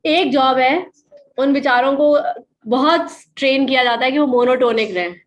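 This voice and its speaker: A woman's voice: sits high, normal speed, dull audio, slight background noise. A woman giving a classroom lecture in Hindi mixed with English, asking her students questions and answering them.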